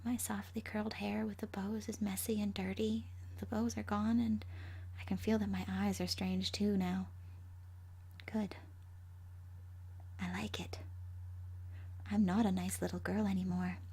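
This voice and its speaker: Haunting little dead girl played by a woman for horror narration: hushed, husky-breathy, muted tone, creepily gleeful, whispery. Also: medium pitch, level tone, unhurried, long pauses. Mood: creepy, gleeful. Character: gleefully vengeful ghost of a five-year-old girl. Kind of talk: first-person horror story narration.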